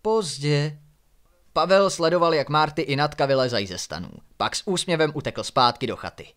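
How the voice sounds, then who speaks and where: A man calmly reading a novel aloud as a night-time storytelling session. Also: a little high. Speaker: reader. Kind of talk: bedtime book reading.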